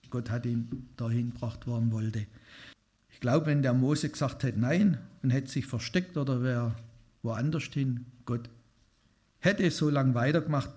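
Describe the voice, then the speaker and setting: A man's voice: medium pitch, breathy edge. A man preaching an informal sermon to a congregation, talking conversationally and putting questions to his listeners. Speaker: lay preacher.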